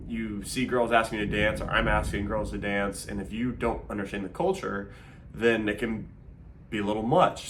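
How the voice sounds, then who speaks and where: A man in his thirties, co-hosting a couple Q&A video, chats casually with his partner, rambling with many fillers and restarts. His voice is medium-pitched, with a little hiss or hum in the recording.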